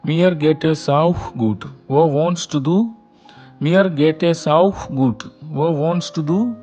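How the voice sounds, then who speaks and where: A man teaching a beginner German lesson, reading a short dialogue and saying every line twice, slowly and carefully, for learners. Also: a little high, mellow, muffled recording, soft background music. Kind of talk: slow repeated lesson dialogue.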